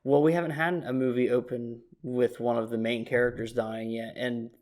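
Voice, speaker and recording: A man's voice: medium pitch, fairly even intonation, normal speed, a little mellow. A man co-hosting a podcast, reflective and agreeable, giving his take on a film with frequent "you know"s. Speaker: podcast co-host. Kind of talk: casual movie review chat.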